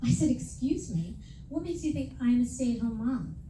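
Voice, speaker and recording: Her voice is on the high side with lively intonation and normal speed as this middle-aged New York woman delivers brash, self-mocking stand-up to a live audience, loudly quoting and acting out others. The distant mic in the echoey room adds a little hiss or hum beneath loud crowd laughter.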